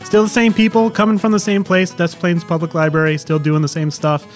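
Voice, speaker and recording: Man, podcast host, upbeat, casual chat, slightly high voice, faint background music. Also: level tone, fairly quick. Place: public library recording space.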